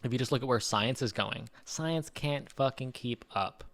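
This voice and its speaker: A man co-hosting a podcast in casual chat, laughing easily and swearing casually, with his pace speeding up and slowing down. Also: medium pitch, gravelly, a bit bright. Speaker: podcast co-host.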